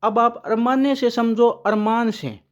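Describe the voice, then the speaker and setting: A current affairs teacher runs an exam-prep lesson built around memory tricks, posing questions aloud, answering them himself and repeating the key names. The voice is mid-range with fairly even intonation and an unhurried pace, and the audio sounds dull.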